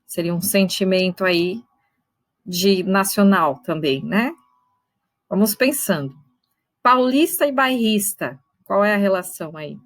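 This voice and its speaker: A woman teacher giving an online literature lesson, patiently explaining and slowly sounding out syllables. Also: mid-range voice, animated, no room sound, poor audio. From Brazil. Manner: patient, explains step by step, checks in with students.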